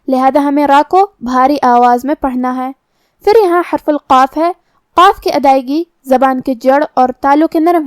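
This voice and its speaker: Brief: woman, high voice, dry close recording, patient methodical recitation teacher. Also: darkish tone, no room sound. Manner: patient, methodical explanation of each letter. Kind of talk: step-by-step tajweed lesson with slow recitation.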